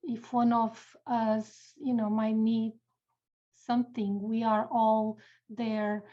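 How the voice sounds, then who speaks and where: A woman's voice: on the high side, flat delivery, takes it slowly, muffled recording. A woman in her fifties from Portugal, speaking thoughtfully and unhurriedly as a chemistry professor on a panel. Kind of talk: panel discussion.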